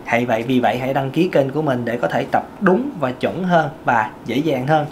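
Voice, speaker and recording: A woman's voice: rumbling low, a little fast, a little mellow, a little hiss or hum. A woman, a vocal coach giving a casual singing lesson and breaking off to demonstrate vocal sounds.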